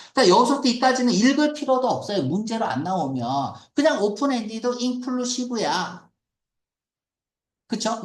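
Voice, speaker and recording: A man's voice: high-pitched, roomy sound. A man teaching an English reading passage as a lecture, questioning the class and mixing English words into his explanations.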